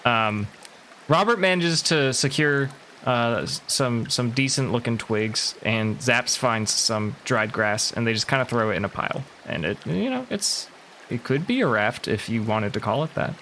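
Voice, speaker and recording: A man's voice: medium pitch, big pitch swings, normal speed, pushed and bright, a little hiss or hum. A man narrating casually as game master of a tabletop game. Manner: casual, loose narration with fillers.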